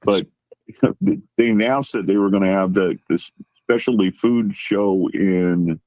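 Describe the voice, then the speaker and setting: A man's voice: low-pitched, unhurried, warm tone, no echo, poor audio. A man guest chatting casually, telling a rambling anecdote and acting out the quoted lines. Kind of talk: casual chat.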